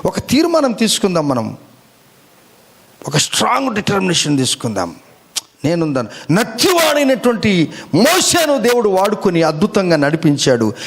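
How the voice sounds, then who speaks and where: A male pastor preaching a Sunday sermon, calling out for hallelujahs and firing questions at his listeners. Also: high-pitched. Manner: calls out for hallelujahs and amens; fires rhetorical questions at the listeners.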